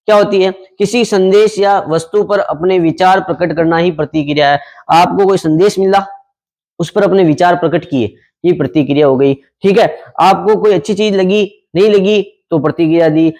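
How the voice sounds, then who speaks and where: High-voiced man teaching a class. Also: moderate pace, a little mellow. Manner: asks the class questions and answers them himself; speaks in a conversational, explanatory way. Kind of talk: classroom lecture explaining exam topics.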